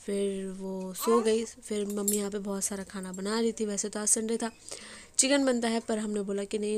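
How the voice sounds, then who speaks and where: Hoarse young woman, flat mellow voice, rambling chatty narration, family vlog. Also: mid-range voice. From Bengali family. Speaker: vlogger.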